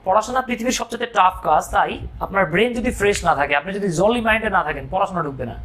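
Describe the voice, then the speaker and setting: A man's voice: high voice, fast, fairly bright tone. A man from Bangladesh teaching an English grammar lesson, explaining step by step and breaking in with joking asides and questions to his students.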